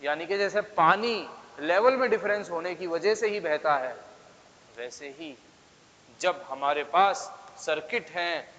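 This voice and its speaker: Male classroom teacher, slightly high voice, keeps quizzing the class; dull, echoing hall sound. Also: unhurried, bright, forceful tone. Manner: coaxing, keeps asking the class questions. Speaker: physics teacher. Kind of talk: classroom lecture. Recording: dull sound with long reverb.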